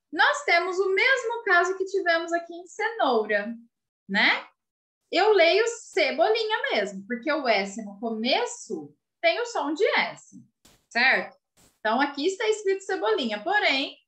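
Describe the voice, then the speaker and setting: With a high-pitched, sharp-toned voice, a woman teaching kids by video spells words out, repeats them patiently and makes sure the class keeps up. She speaks with a Brazilian Portuguese accent, and the audio has a roomy echo.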